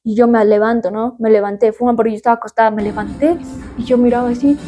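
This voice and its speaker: Young woman host with a high, mellow voice, animated storytelling that repeats words for emphasis. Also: quick pace, faint music behind. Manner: emphatic, repetitive, acts out sounds and cries. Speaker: podcast host. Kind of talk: personal storytelling to a friend.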